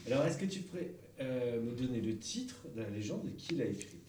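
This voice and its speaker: A man's voice: mid-range voice, very animated, fairly quick, darkish tone. A man recording a pupil, who talks in casual, encouraging prompts with hesitant fillers from away from the microphone. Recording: echoey room, voice far from mic, faint noise.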